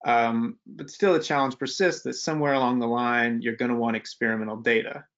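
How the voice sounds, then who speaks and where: A man's voice: medium pitch, steady tone, a little fast, a bit bright, muffled recording. A young man presenting a technical webinar in a casual, conversational way, with many fillers and restarts. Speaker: webinar presenter, postdoctoral researcher.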